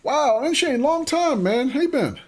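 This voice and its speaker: In a casual livestream, a man plays a game and talks with viewers, reading their comments aloud and welcoming them by name. His voice is very high-pitched with lively intonation, at a moderate pace.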